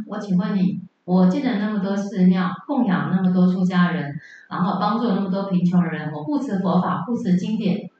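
A woman's voice: mid-range voice, darkish tone, a little hiss or hum, close to an everyday voice. A woman teacher voicing a proud, indignant emperor who demands to hear how great his merit is, in a lecture story. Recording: dull, echoey, from far off.

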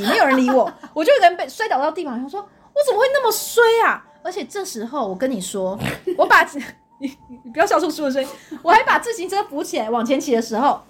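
A young woman tells her own story in a casual chat, laughing often and acting out the dialogue. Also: high voice. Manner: animated, laughs often, acts out quoted dialogue. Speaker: podcast co-host telling her own story.

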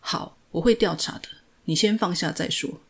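A man's voice: high-pitched, moderate pace, vocal fry, a bit bright, breathy edge, full character voice. A woman voicing a stern police officer. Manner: curt orders. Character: stern male police officer, firm and commanding.

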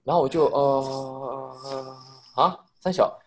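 A man's voice: mid-range voice, fairly even intonation, takes it slowly. A young man with a Taiwanese Mandarin accent, telling a rambling story in casual podcast chat with a lot of swearing.

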